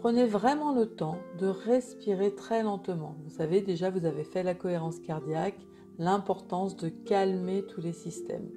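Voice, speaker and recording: A woman leads a guided meditation in a calm, gentle, soothing way, unhurried and with pauses. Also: fairly low pitch, faint music behind.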